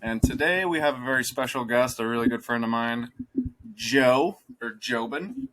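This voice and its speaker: A man's voice: mid-range voice, animated, normal speed, fairly bright tone. A man co-hosting a podcast, greeting listeners and asking a guest questions in a casual, upbeat way. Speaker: podcast co-host.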